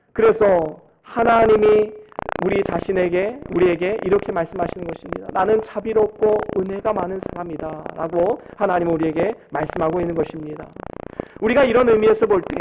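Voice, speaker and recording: A high-voiced man in his thirties delivers a church sermon. He tells stories earnestly and acts out the voices he quotes. The recording is muffled and lo-fi, with a clear layer of background noise. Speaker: pastor. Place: church sanctuary. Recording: dull lo-fi sound with noticeable background noise.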